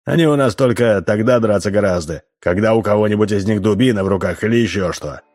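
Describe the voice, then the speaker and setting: A man voicing a gruff, stern rural constable who barks orders. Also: fairly low pitch, fast, darkish tone, lightly acted. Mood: barking orders. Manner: barking, stern.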